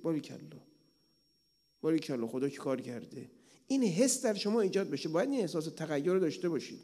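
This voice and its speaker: A man's voice: fairly high pitch, darkish tone. A male cleric gives a conversational religious lecture at a retreat, asking rhetorical questions and using plain everyday examples. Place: large prayer hall of an Islamic center. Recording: long hall reverb.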